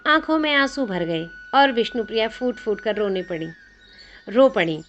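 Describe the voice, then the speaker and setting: A woman's voice: fairly high pitch, moderate pace, a little hiss or hum. Woman narrating a devotional tale. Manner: gentle, expressive. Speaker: storyteller. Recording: slightly dull audio.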